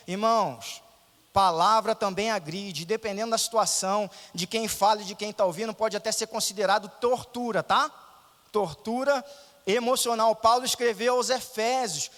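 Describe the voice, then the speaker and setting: Long church reverb hangs on this man's high, fairly bright voice as he preaches in a church hall. He's the pastor, delivering an emphatic sermon packed with rhetorical questions for his congregation.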